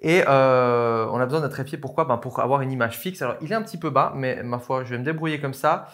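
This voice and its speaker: A French-speaking tech vlogger tests an app in a casual tutorial vlog, chatting fast and hesitating with lots of fillers. His voice is mid-range and fairly bright. A tripod camera records him in an echoey indoor room lit by a neon light.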